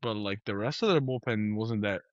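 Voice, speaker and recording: A man talking sports on a podcast in a measured, thoughtful way, with a mid-pitched voice. His mic sounds dull and lo-fi, and the sound is close and dry. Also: no echo. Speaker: podcast co-host or guest. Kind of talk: casual sports chat.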